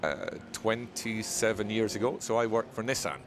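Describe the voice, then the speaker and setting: Soft-spoken middle-aged man from Scotland. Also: fairly low pitch, normal speed, a little hiss or hum. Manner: friendly, repeats words while searching for them. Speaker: volunteer guest. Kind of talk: casual interview.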